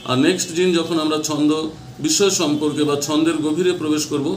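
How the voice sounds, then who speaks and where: A man's voice: fairly high pitch, steady tone, fast, roomy sound, slight background noise. A male tutor giving an exam-prep lecture, repeating definitions and stressing key terms.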